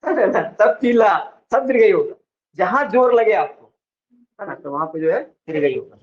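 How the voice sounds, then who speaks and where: A man's voice: sits high, animated. A male teacher from lecturing on vowels in a classroom style, often checking whether students follow. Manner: explains slowly, stretching example words. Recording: dull lo-fi sound.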